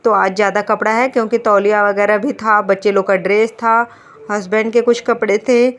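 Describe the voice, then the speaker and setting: Speaking at a moderate pace with a medium pitch and steady tone, a thirty-something vlogger and homemaker provides relaxed voice-over for her home vlog. She chats in a friendly, homely manner, treating viewers as friends.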